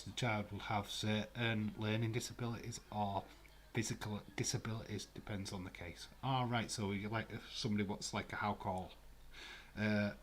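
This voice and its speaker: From a room at home, a Scottish man with a Glaswegian accent hosts a live watch-along stream, chatting casually and rambling with many fillers. His voice is on the low side yet fairly bright, with a little hiss or hum in the audio.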